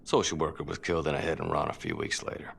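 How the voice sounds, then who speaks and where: A man's voice: very deep voice, very animated, fast talker, gravelly, fairly bright tone, slightly rough, heavily acted. An actor voicing a hostile, foul-mouthed male detective with a sneering, aggressive manner. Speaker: police detective.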